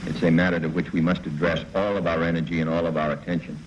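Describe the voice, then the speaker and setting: A man giving halting official remarks, full of hesitations. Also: low-pitched, little pitch movement. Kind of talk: archival speech. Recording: dull archive recording with hiss.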